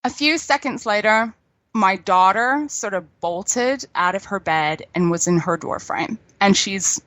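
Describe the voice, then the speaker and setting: A woman's voice: medium pitch, expressive, a little slow, a bit bright, dry recording. A middle-aged woman from New Zealand with a New Zealand accent, a scientist guest chatting casually on a radio interview and laughing often.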